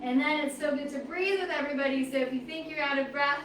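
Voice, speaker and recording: High-voiced yoga teacher, echoey room. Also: female voice, quick pace. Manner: calm, encouraging, counts poses aloud. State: a little out of breath. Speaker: yoga instructor. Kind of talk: guided yoga class cues. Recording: echoey room, mic at a distance, faint noise.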